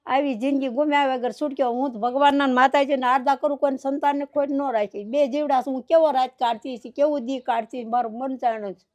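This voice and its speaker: Crying through an interview, an older woman with a rural Saurashtra Gujarati accent tells her story, grieving and repeating "what can I do?" as she says she doesn't know what to do. Her high voice is steady, fairly quick and a little mellow.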